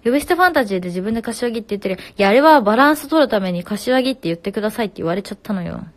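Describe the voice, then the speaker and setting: A woman in her twenties hosting a casual live stream at home on her phone. She reads viewer comments aloud and answers them quickly. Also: medium pitch, lively intonation.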